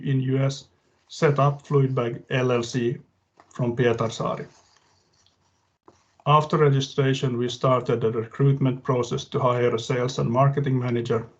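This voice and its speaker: On a webinar, a man delivers a prepared case-study talk, reading steadily apart from small restarts. His voice is mid-range with a darkish tone, and the video-call audio sounds dull and lo-fi.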